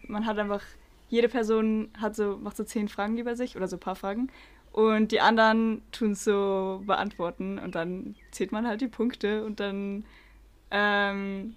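A young woman chatting informally as a podcast co-host leading a quiz. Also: mid-range voice. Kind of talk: casual chat.

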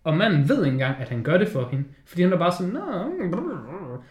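Animated, swearing man in a roomy space. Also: on the high side. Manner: animated, swears often, acts out scenes in quoted voices. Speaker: podcast co-host. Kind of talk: casual film discussion. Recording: roomy echo.

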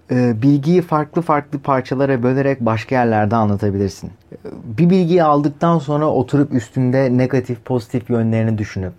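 A man's voice: mid-range voice, darkish tone. A man hosting a podcast in a casual, opinionated monologue, asking rhetorical questions as he talks. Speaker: podcast host.

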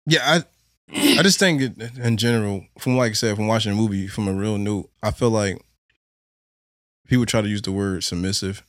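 A man's voice: fairly low pitch, moderate pace, a bit bright, no echo, clean studio sound. A man co-hosting a casual podcast debate, arguing his point hesitantly with frequent restarts. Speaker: podcast co-host.

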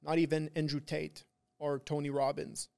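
A man with a gravelly, creaky voice speaks like a frat bro on a podcast. He hammers his points in short, repeated phrases, casual and preachy like a pep talk. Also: fairly high pitch, monotone, normal speed, mellow. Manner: frat-bro talk, peppered with bro, dude and swearing. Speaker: podcast guest, trader who runs a trading community.

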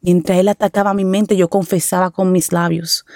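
A woman's voice: on the low side, level tone, moderate pace, dark tone, dry recording, studio quality. Earnest young woman telling her story. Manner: earnest, repeats phrases for emphasis. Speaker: podcast host. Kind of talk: personal faith testimony.

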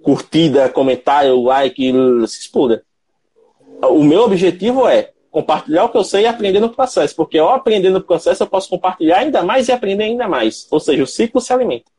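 With a Brazilian accent, a man hosts a live stream chat for his mobile photography channel. His voice is high-pitched, warm, animated and a little fast, and he talks emphatically, tossing out rhetorical questions.

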